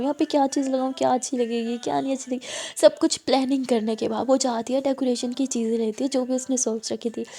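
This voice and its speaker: A woman's voice: high voice, mellow. A woman narrating a love story in a chatty, casual way with English words mixed in.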